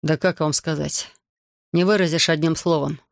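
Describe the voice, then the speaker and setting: A man's voice: fairly high pitch, steady tone, moderate pace, gravelly, no room sound, studio quality. A man voicing a proud, hot-tempered officer who argues insistently. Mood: earnest.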